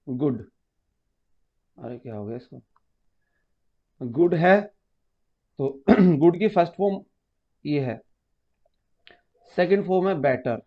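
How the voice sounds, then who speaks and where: A man teaching an exam-prep grammar lesson, patiently explaining step by step, repeating key terms and calling students "beta.". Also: a little high. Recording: muffled lo-fi recording.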